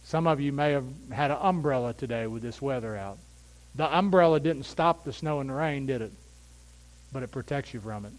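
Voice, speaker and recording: A man preaching a sermon, swinging from loud, impassioned calls to quiet, intimate asides. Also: medium pitch, a little fast, rough recording. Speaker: pastor.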